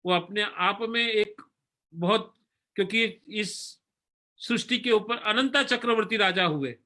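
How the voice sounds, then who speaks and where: Man, spiritual teacher, high-pitched, unhurried, instructive sermon voice. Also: pushed and bright. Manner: earnest, instructive, leads the chant slowly line by line. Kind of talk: sermon and slow stotra recitation.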